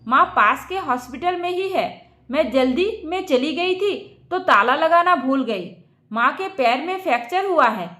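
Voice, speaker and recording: A woman's voice: sits high, animated, unhurried, sharp tone, echoey room, exaggerated voice. A woman voicing a sister who answers firmly and defends herself.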